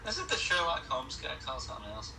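A man's voice: medium pitch, sing-song, fast talker, bright, forceful tone, a little hiss or hum. A man co-hosting, dropping joking comments in casual chat. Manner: joking interjections. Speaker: co-host.

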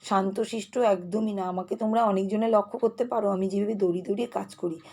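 Steady and warm, her mid-range voice carries a quick, chatty vlog about chores at home. The woman, a lifestyle vlogger, narrates casually from her kitchen. She seems restless as she talks.

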